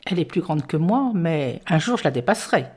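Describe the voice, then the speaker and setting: A woman reading a children's story aloud in a playful, expressive way, narrating as a young boy in the first person. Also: low voice, fairly quick, slightly rough.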